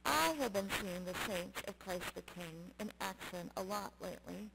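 A middle-aged Lutheran pastor with a medium-pitched voice delivers a sermon with scripture reading from the pulpit of a church sanctuary, speaking in measured, emphatic short phrases. She uses a gooseneck pulpit microphone, and the church recording is clearly noisy.

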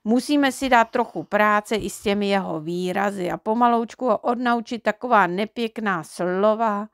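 Woman reading a coaxing, motherly little storybook girl, pitched a touch higher, dry sound. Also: dry recording, close to an everyday voice. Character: kind, fussy little girl.

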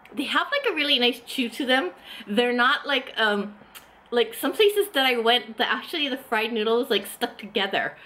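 A food vlogger in her thirties tastes and reviews dishes at a table in a small indoor room, chatting enthusiastically with lots of casual fillers. Her voice is on the high side and a bit bright.

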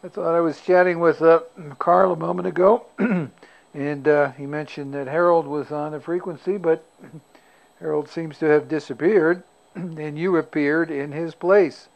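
A man checking in on an amateur radio net, heard over a radio link and speaking in unhurried radio procedure with call signs. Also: on the high side, fairly even intonation, gravelly. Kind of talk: casual radio net chat. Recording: muffled narrow-band radio audio.

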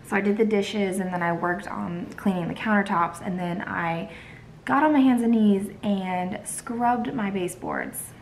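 Tired and speaking to her phone camera held close, a young woman vlogs casually from her home kitchen, rambling chattily with plenty of ums and likes. Her voice sits mid-range at a measured pace, and the poor audio carries slight background noise.

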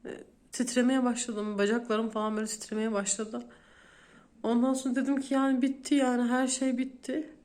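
A woman's voice: a little high, level tone, brisk, a little mellow. A woman in her thirties, a vlogger speaking straight to her viewers as she retells a frightening day in detail. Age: 30s. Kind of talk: emotional storytelling to viewers.

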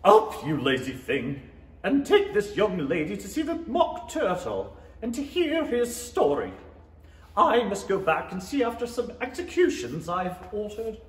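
A haughty, short-tempered queen acted by a man, high-pitched and swinging wildly in tone. The words are drawn out with royal command, echoing in a hall. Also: huge pitch swings, unhurried, full character voice. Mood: bossy. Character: imperious, bad-tempered Queen of Hearts, grown woman. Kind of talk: 1930s-style stage radio play acting. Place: small theatre stage. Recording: echoey hall recording.

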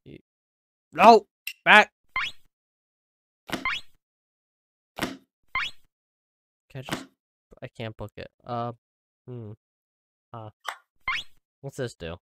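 A man's voice: medium pitch, very slow, long pauses, very noisy. A man doing let's-play game commentary, bewildered and stammering through his exclamations. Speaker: gaming commentator.

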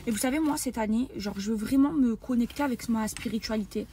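A woman's voice: on the high side, fast, dark tone, a little hiss or hum. A young woman chatting enthusiastically to her followers in a casual vlog. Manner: chatty, enthusiastic, addresses viewers as girls. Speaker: vlogger.

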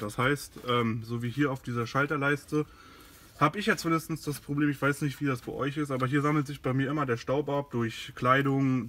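Demonstrating a product in a garage, both inside and next to a car, a car care host speaks casually and a little hesitantly as he works. His voice is medium-pitched and a bit bright, with a little hiss or hum audible.

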